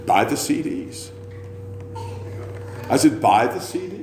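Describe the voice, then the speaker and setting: A pastor with a mid-range, sing-song voice preaches slowly to a church congregation, with a faint hiss or hum in the recording. His sermon is conversational, self-mocking, and teasing, full of joking asides, and it's captured in a roomy hall with faint ambience.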